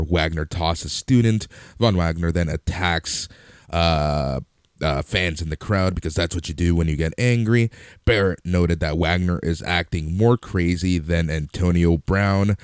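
A man co-hosting a casual wrestling podcast, recapping the show with dry, deadpan jokes. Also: sits low, unhurried, clear, resonant tone, dry recording. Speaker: podcast co-host.

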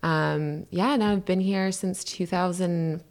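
A low-pitched woman in her thirties, originally from Canada, talks as a podcast guest. She rambles casually, fills pauses with "um" and "yeah", and laughs easily. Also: a little mellow. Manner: chatty, laughing, lots of fillers like "um" and "yeah". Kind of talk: casual interview chat.

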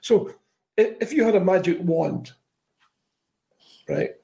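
A man's voice: high-pitched, slow pace, vocal fry, dark tone. A man, hosting an informal interview in a conversational style. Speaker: interview show host.

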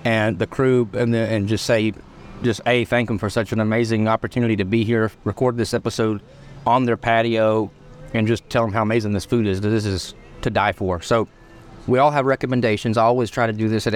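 A man's voice: on the low side, level tone, quick pace. Male host, loose and wordy, recorded outside with faint street noise. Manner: rambling, searches for words, many restarts. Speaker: podcast host. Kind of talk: casual chat. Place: outdoor patio of a bakery.

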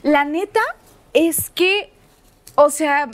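A Mexican actress in casual chat, slangy and giggly, using many filler phrases. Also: female voice, sits high, drawn-out words, noisy background. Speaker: actress guest.

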